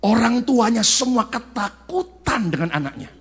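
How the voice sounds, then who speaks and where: A man preaching a sermon as pastor, telling family stories animatedly and rising to emphatic shouts on key points. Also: very high-pitched, normal speed, slightly rough. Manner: animated storytelling, acting out family scenes.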